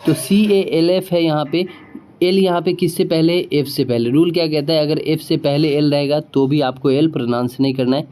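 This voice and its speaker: Guy teacher with a soft mellow voice, keeps asking then answering his own questions, spells words out slow. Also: fairly high pitch, fairly even intonation. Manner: rhetorical questions, answers them himself; checks understanding often. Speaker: English teacher. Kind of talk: explaining spelling rules.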